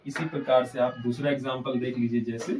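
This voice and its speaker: A man's voice: medium pitch, level tone, brisk, recorded from a distance, background noise. A man teaching an English grammar lesson, asking questions and answering them himself. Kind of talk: classroom-style grammar lesson.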